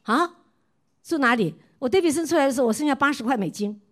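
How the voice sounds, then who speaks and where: A middle-aged woman from Taiwan, a pastor's wife preaching a sermon, who keeps asking her listeners questions and tells her own stories in a warm voice that often drops soft. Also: sits high, expressive, very fast. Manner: asks the listeners repeated questions. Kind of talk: sermon with personal testimony.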